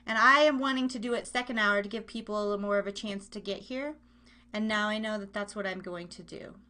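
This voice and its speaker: Fast, pushed, and bright at a medium pitch, this woman's voice carries her live online radio show. She's a radio and podcast host whose casual chat is playful and rambling, with frequent self-interruptions as she talks straight to listeners.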